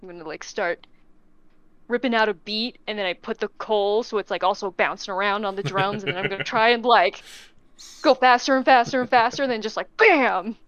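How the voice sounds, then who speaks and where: Smooth-voiced woman playing a tabletop game. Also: mid-range voice, brisk, a bit bright, no room sound, dull audio. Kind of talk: casual game chat.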